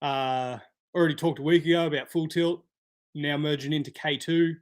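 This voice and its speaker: A man's voice: on the high side, fairly even intonation, moderate pace. A man hosting a casual live stream, chatting and answering viewer comments by name. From Australia.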